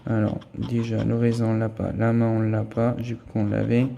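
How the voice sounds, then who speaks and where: Gravelly man chatting through scratch cards. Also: on the low side, monotone, moderate pace, warm tone, slight background noise. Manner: chatty, thinks aloud while checking symbols and letters. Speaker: scratch-card vlogger. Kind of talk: casual running commentary.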